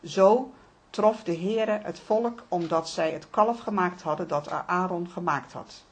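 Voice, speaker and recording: A middle-aged woman reading Bible passages aloud and explaining them to a study group in a calm, measured way. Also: lowish voice. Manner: calm, measured, with occasional restarts.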